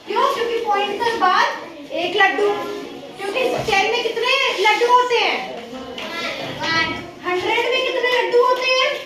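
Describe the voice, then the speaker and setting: A woman teacher with a very high voice, quizzing her class with steady questions as she explains. She is captured from a distance in a bare, echoing classroom. A noise floor runs behind her. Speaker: school teacher. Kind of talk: classroom lesson. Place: school classroom. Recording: echoey classroom from afar, noisy.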